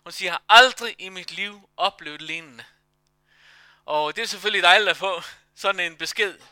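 A man, a pastor, telling a faith story in a sermon, with halting, emotional storytelling. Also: sits high, sharp tone, clear, resonant tone, no room sound. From Denmark. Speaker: pastor and massage therapist. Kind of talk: sermon testimony.

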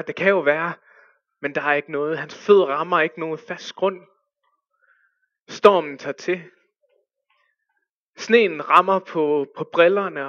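A man telling a story as a sermon, with hushed dramatic pauses that rise to urgent cries. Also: on the high side, no room sound, muffled recording.

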